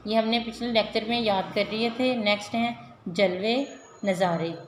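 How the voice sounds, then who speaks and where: A woman teacher, giving a recorded online lesson to young children and reading words slowly and deliberately. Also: medium pitch, fairly even intonation. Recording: echoey room, faint background hum.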